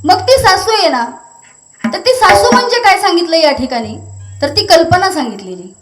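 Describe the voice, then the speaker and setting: Woman, very high voice, devotional sermon, lively storytelling with chanted verses, echoey hall, faint music behind. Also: normal speed. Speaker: kirtan preacher.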